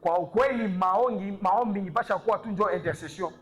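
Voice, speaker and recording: A man interpreting a sermon live, quickly echoing each phrase after the preacher. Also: high voice.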